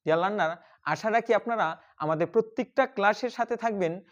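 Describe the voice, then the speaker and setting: A man teaching English pronunciation in a video lesson, calling viewers dear learner and repeating each word slowly for them to copy. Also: high-pitched. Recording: slightly dull, lo-fi recording.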